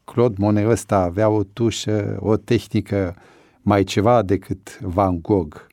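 A man's voice: on the low side, no echo, lightly acted. A man doing a cheeky, unbothered prisoner. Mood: mocking. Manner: dry, mocking calm.

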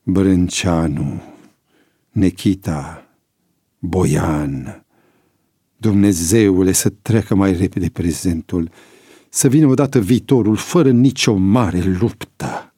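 A man voicing a horrified male prisoner who prays in a hushed, despairing voice. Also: lowish voice, husky, no room sound, clean studio sound. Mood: despairing prayer. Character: horrified young male prisoner, praying quietly.

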